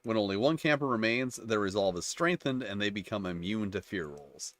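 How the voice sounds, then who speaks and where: A man's voice: on the low side, animated, brisk, fairly bright tone, no room sound. A man hosting his channel, reading tabletop game rules aloud and breaking off into chatty, rambling asides. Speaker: channel host reviewing tabletop games.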